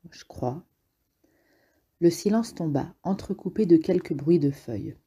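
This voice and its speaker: Woman, audiobook narration, low pitch, breathy voice, measured pace. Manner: measured, steady reading. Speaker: audiobook reader. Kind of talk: calm literary audiobook narration.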